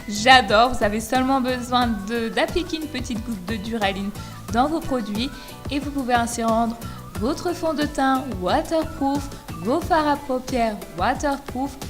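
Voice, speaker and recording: A woman from France narrating a makeup tutorial voice-over, steady and explanatory, enthusiastic about the products. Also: fairly high pitch. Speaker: beauty vlogger. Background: music.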